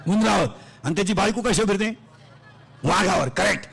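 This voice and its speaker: A man with a Marathi accent preaching a comic devotional sermon in a pavilion, loudly quizzing his listeners. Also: sits high, brisk, creaky, breathy edge. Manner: loud, quizzing the audience, singsong mimicry. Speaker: kirtan preacher. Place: outdoor pavilion before a crowd. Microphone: stage microphone.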